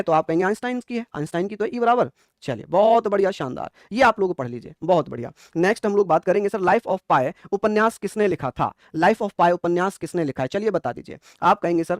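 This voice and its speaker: A man's voice: high voice, no echo, studio quality. A man teaching an exam quiz class, coaxing answers and praising often.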